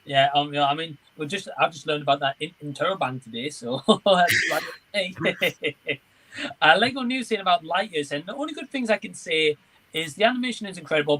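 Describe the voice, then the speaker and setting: A man with a fairly high, brisk, bright voice and a forceful tone hosts a livestream, chatting casually and agreeably. He rambles a bit as he reads out viewer comments. The recording quality is low.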